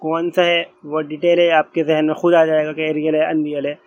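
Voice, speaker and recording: A man with a slightly raised pitch teaches a grammar class. He repeats each point patiently, taking his time as he writes on a board. The recording sounds dull and lo-fi. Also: completely flat delivery, a little fast. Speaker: Arabic teacher.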